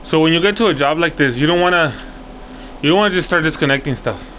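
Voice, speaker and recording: Fast and lively, this slightly high male voice belongs to an access control installer and video host doing an unscripted walkthrough at an indoor office job site. He teaches while thinking out loud and repeats phrases a lot, against a noisy background.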